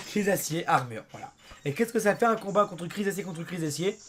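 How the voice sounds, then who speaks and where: A young French man with a hoarse voice, chatting excitedly as he plays a game and talks to his viewers. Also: high voice, fairly quick, soft background music. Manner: chatty and excitable, often says "mes amis" and "abusé". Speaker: let's play host. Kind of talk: casual gameplay commentary.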